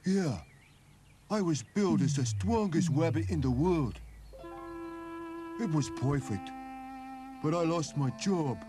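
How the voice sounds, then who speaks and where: A man voicing a male cartoon rabbit who used to be a circus strongman and brags loudly about his strength. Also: a little high, lively intonation, slow, long pauses, pitched above the performer's own voice. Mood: boastful. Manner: loud, bragging storyteller. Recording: music bed behind the voice.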